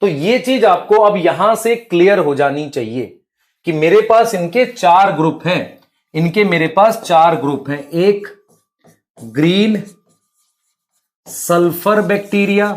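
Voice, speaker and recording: Man, high voice, biology lesson, rhetorical questions, calls students beta. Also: a little slow, long pauses. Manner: addresses students as beta and bhai. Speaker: biology teacher.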